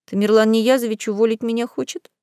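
A woman's voice: a little high, steady tone, a little fast, dark tone, clean tone, no room sound, close to an everyday voice. Timid weepy young woman, read by a woman narrator; tearful, dry sound. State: crying.

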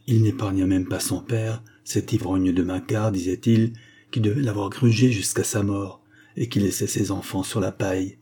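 A male audiobook narrator reading a classic novel in a steady, measured way. His voice is low-pitched and dark in tone, with a slightly husky texture. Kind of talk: scripted literary narration.

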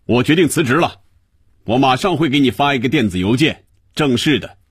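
A man's voice: lowish voice, big pitch swings, normal speed, husky, no echo, studio quality, pitched above the performer's own voice. A man voicing a smug office worker taunting his boss over the phone. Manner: smug, gleeful. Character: gloating office man quitting his job.

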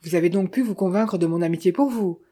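Woman doing a sly male bandit, mocking, falsely friendly, husky, mellow. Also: fairly low pitch, fast talker. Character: sly smooth-talking male Italian bandit.

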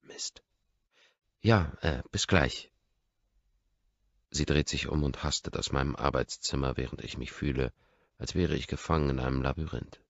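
A man's voice: extremely low pitch, steady tone, fairly quick, gravelly, no room sound. A man narrating a first-person audiobook in a brooding, intense inner-monologue manner, in a dull lo-fi recording.

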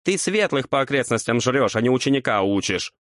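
A grumpy devil snaps back in a shrill, much higher voice, as a man acts him out for an audiobook. He sounds exasperated and curt, recorded close and dry. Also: sing-song, a little fast, a bit bright, dry recording. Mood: outraged. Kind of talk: audiobook character voice.

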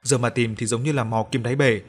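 Man narrating a ghost story, steady, mid pitch, storyteller vibe. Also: fast.

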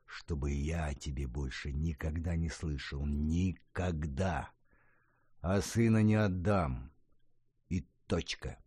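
A man voicing a menacing father who hisses his words slowly and deliberately. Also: husky, dry recording, studio quality, heavily acted. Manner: low hissing, slow and deliberate. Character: cold, menacing father protecting his son.

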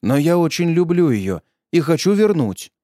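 A man's voice: fairly high pitch, sing-song, moderate pace, mellow, no room sound, clean studio sound. A man voicing a desperate, hung-over man who is guilty and helpless. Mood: pleading.

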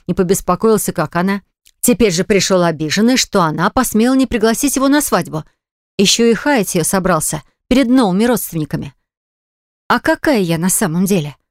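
A woman reading an audiobook in measured scripted narration on a close studio mic. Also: medium pitch, no echo.

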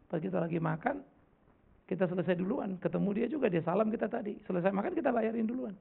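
A man's voice: sits high, quick pace, vocal fry, husky. A middle-aged male pastor giving a casual, joking sermon with lots of rhetorical questions. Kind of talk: conversational sermon with Q&A. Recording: tinny lo-fi recording.

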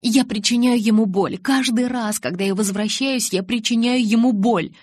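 A woman's voice: a little high, moderate pace, husky, dry recording, studio quality, pitched above the performer's own voice. A woman voicing an anguished young woman who blames herself and bursts out emotionally. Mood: distraught. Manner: emotional, rising to loud outbursts.

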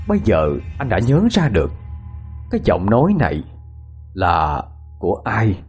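A man's voice: on the low side, wildly swooping pitch, unhurried, darkish tone, breathy edge, soft background music. A man narrating a ghost story in a dramatic, suspenseful way.

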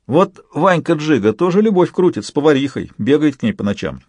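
A man's voice: a little high, big pitch swings, brisk, a little mellow, husky, no echo, pitched above the performer's own voice. Joking young soldier, voiced by a male narrator; hearty and talkative. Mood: cheerful. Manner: hearty and chatty.

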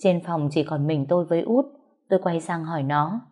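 A woman narrates a first-person story in a calm, even reading voice. Her voice is low and dark, with a mellow tone. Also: brisk.

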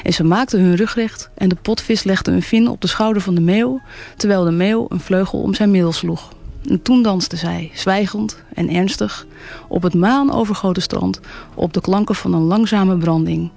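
Gentle, gravelly storyteller. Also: medium pitch, normal speed. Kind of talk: calm storybook narration on radio.

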